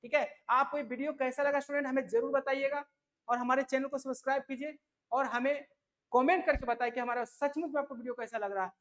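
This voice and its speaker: Guy tutor with a really high voice, chatty, keeps checking in with the class. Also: steady tone, fast talker, fairly bright tone. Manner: chatty, repeats "है ना?" and "ठीक है" to check in. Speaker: English exam tutor. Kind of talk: casual tutoring lesson.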